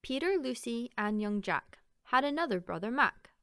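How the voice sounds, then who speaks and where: A woman reading a rhyming children's story aloud in an expressive, sing-song way. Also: a little high, normal speed, clean tone, no echo, clean studio sound. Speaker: picture book reader.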